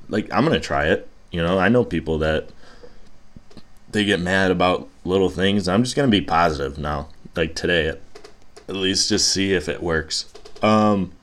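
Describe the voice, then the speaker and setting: A young man hosting a solo podcast, telling a story in a rambling, casual way with lots of fillers and casual swearing. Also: low voice. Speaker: podcast host.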